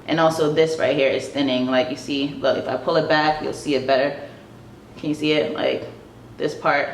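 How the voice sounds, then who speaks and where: A woman vlogging in a chatty, fast-talking way, laughing at herself now and then, speaking to the camera. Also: lowish voice, a little hiss or hum. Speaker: beauty vlogger. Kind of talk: casual talk to camera. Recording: echoey room, far from the mic.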